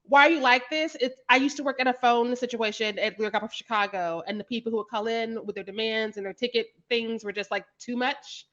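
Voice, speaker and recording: A woman from Kansas City on a podcast, telling stories in a casual, animated way and laughing often. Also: on the high side, quick pace, hardly any pauses, muffled recording. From Kansas City, Missouri, US. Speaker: podcast guest, playwright.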